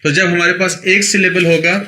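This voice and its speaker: Bright-voiced man teaching a grammar lesson. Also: high voice, flat delivery, moderate pace. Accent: Pakistani Urdu. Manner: patient, repeats points, checks with 'theek hai'. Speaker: English teacher. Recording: echoey room with faint noise.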